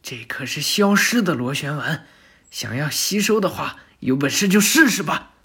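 A man's voice: fairly high pitch, expressive, moderate pace, bright, forceful tone, slightly rough, heavily acted. A man voicing a brash teenage boy ninja in a raised, urgent voice.

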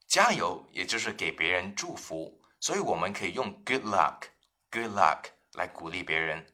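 Bright-voiced man teaching English phrases. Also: fairly low pitch. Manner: lively, repeats phrases slowly for practice. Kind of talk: scripted English lesson.

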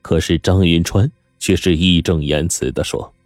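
Storyteller, man, deep voice, dramatic, dry sound, faint music. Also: steady tone, moderate pace, a little mellow, no room sound. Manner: dramatic, swings into character voices. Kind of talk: scripted story narration.

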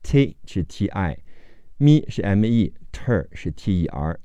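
A man's voice: low voice, sing-song, slow, dark tone, dry recording. A man teaching English vocabulary, spelling each word out letter by letter in a methodical lesson.

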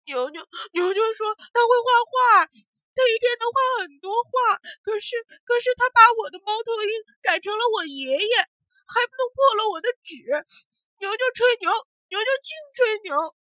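Woman playing a small whiny boy, high lively voice, bright tone, dry close sound, storybook. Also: fairly quick, slightly rough, no room sound, full character voice. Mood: crying. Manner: pleading, whiny. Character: little boy, earnest then crybaby.

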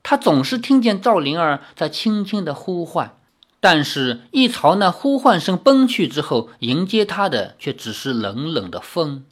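A storyteller reading a novel aloud, expressive, dropping low and soft on the sad passages. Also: a little slow. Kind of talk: read-aloud novel narration.

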